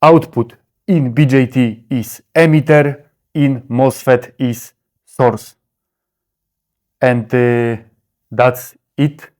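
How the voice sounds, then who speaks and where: A man presents a simple explainer at a slow pace with a mid-pitched voice. He talks like a caveman, in blunt, clipped broken English. Small words drop out, and he often stops to check that the listener follows. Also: steady tone, darkish tone. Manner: short clipped phrases, often checking with "okay?".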